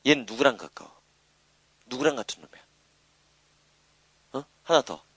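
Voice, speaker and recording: Speaking at a moderate pace, this man has a mid-range voice with a breathy edge and no room sound. In his animated live English grammar lecture, he keeps nudging students with rhetorical questions and tags and makes boastful asides.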